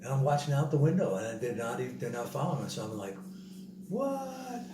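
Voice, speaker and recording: A man recounts a story in lively, casual speech, often repeating phrases and slipping into the voices of the people he describes. He sits some way from the microphone in a roomy, echoing space, with steady background noise throughout. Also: mid-range voice, very fast. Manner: animated, repeats himself, acts out other people's words. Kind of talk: casual spoken travel story. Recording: roomy, distant mic, noisy background.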